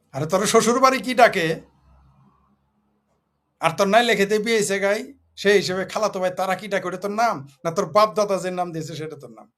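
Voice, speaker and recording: A man's voice: fairly high pitch, a bit bright. A man from Bangladesh delivering a heated political monologue, combative and scornful, full of rhetorical questions. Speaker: political commentator.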